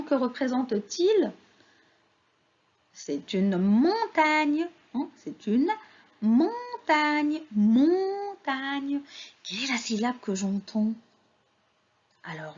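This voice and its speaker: A woman guides small children through a reading lesson, drawing out each syllable with a lively, swooping voice. Her tone is a little husky and higher than most, and she speaks at an unhurried pace. The recording sounds dull and lo-fi. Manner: slow and patient, stretching out syllables; lively, sing-song questions to the children. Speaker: teacher.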